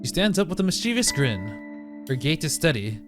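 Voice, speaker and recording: A man's voice: a little high, sing-song, fairly quick, music in the background. A man reading a visual novel aloud as narration, breaking off now and then to joke about it. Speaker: let's play reader.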